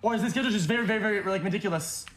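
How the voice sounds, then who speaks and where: A man streaming a game, talking in fast, rambling casual chat and swearing freely. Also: sits high, fairly bright tone.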